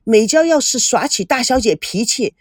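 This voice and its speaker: An easygoing young man jokes and reassures in a relaxed manner, as a woman narrator puts him on. The voice is lively and sits fairly high. The sound is dry and close. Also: normal speed, slightly rough, dry recording.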